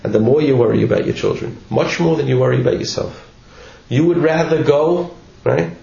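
Man, gravelly voice, informal text-study lesson, dull lo-fi recording with faint hiss. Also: medium pitch, fairly quick, dark tone. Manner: informal, repeats words, asks "right?" often. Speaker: teacher giving a Torah class. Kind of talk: text study lesson, reading Hebrew and explaining in English. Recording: echoey room, dull lo-fi with faint noise.

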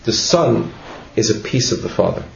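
Low-pitched with big swings in intonation and some vocal fry, a man teaches a text study class at a moderate pace. He reads from the Torah and explains it informally, repeating words and frequently adding "right?", in an echoey room recorded dull and lo-fi with faint noise.

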